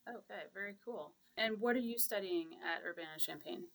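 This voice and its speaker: A woman's voice: medium pitch, fairly quick. Upbeat woman hosting a podcast. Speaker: podcast host. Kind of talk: casual interview.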